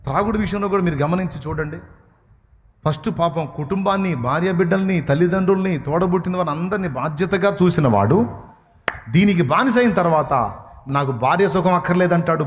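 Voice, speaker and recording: A man's voice: on the high side, a little fast. A man preaching a sermon, impassioned and questioning his listeners, at times rising to pleading cries. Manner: asks the audience questions. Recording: long hall reverb.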